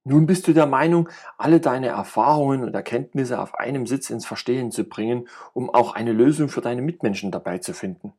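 A man's voice: medium pitch, brisk, hardly any pauses, a little mellow, slightly rough, natural voice. A man reading aloud and voicing a jovial, talkative middle-aged friend who rambles and teases with cynical humor. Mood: playful teasing. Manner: rambling, playful banter.

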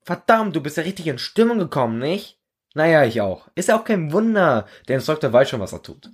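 A man's voice: on the high side, big pitch swings, fairly quick, breathy edge, pitched above the performer's own voice. A man voicing a cheerful, eager young soldier who talks in a chummy, upbeat way.

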